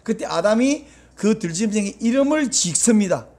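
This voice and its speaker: A man with a high voice preaching a sermon as pastor. He explains scripture patiently and then rises to emphatic, urging lines. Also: moderate pace. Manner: explains Hebrew words and reads scripture aloud, then urges the congregation; switches between calm teaching and raised, emphatic lines.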